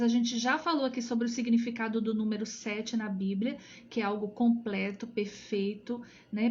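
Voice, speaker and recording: High-pitched woman leading a live bible study, chatty, keeps checking in with viewers, muffled lo-fi sound. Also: a little mellow, slight background noise. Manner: conversational, checks in with viewers often. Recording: dull lo-fi sound.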